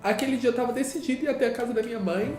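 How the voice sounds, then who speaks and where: A young man in his late teens telling his personal story slowly and with emotion. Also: extremely high pitch, echoey room, over music. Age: young adult. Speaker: interviewee. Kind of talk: personal testimony.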